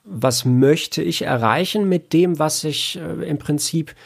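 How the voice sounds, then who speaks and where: An author and audio drama producer appears as a guest in a casual interview, explaining things in a rambling, conversational way full of filler phrases. His voice is a little high, slow, gravelly and slightly rough.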